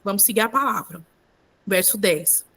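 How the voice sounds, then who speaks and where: A woman's voice: medium pitch, normal speed, slightly rough. A woman leading a women's Bible study, preaching in a conversational way with tag questions and acted-out voices. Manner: animated, acts out biblical voices. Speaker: women's group leader.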